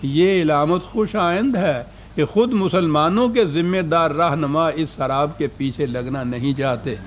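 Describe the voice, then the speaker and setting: A man's voice: a little high, a little hiss or hum. An older man giving a scholarly lecture, reading out historical quotations and putting rhetorical questions to his audience.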